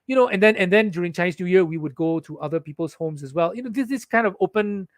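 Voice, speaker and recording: A Filipino vlogger with a Singaporean English accent rants heatedly to camera, indignant and often restarting his sentences. His voice is high-pitched and quick, on a dry, studio-quality recording.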